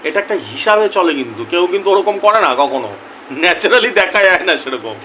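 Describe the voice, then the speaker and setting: A young man telling viewers a story in a casual, animated way, acting out both sides of a conversation. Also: high voice, brisk, a little hiss or hum, low-quality recording. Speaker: lottery tips YouTuber.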